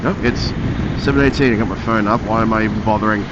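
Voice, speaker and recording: A man's voice: lowish voice, quick pace. A man chatting casually to himself as he rides, rambling and muttering, his voice muffled inside a motorcycle helmet. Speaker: motovlogger. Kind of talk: casual vlog chat while riding a motorbike. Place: inside a motorcycle helmet, riding outdoors on roads. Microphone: helmet-mounted mic close to the mouth. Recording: muffled helmet mic, faint vehicle noise.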